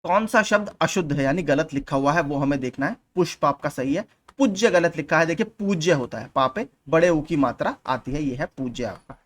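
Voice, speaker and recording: A man's voice: on the high side, brisk, hardly any pauses. A man teaching exam preparation, going through spelling questions one at a time and patiently repeating the key points.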